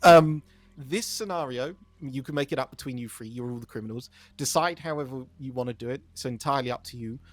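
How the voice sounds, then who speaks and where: A man's voice: medium pitch, fairly quick. A man giving casual, rambling instructions to players before a role-play scenario. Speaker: event organizer. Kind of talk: briefing players out of character.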